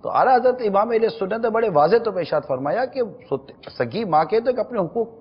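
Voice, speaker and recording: A man hosting a religious talk show, explaining patiently and slowing down to stress key points. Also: high voice, lively intonation, long reverb tail, muffled recording. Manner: measured, explanatory, slows for emphasis. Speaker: religious scholar answering questions.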